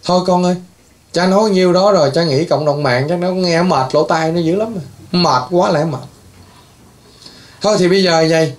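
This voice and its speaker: A male priest with a high-pitched voice. He rambles, scolds and lectures his listeners, often breaking into exclamations. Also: a little fast. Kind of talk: scolding talk to patients.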